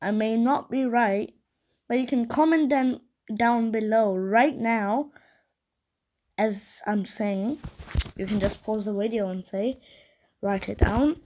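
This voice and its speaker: A woman with a higher voice reacts to a video in a casual, halting chat. She talks very slowly, and faint noise sits behind her. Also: warm tone. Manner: chatty, halting, full of fillers.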